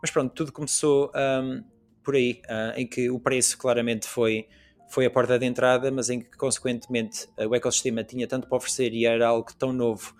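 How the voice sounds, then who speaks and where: A man's voice: medium pitch, little pitch movement, brisk, faint music behind. A young Portuguese man with a European Portuguese accent, a podcast guest talking casually with many fillers and restarts. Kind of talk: casual conversation.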